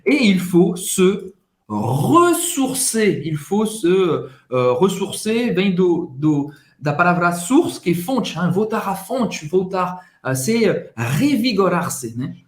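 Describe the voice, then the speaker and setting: A man teaching French in a casual lesson, repeating phrases slowly and then translating them. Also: sits high, very animated, roomy sound.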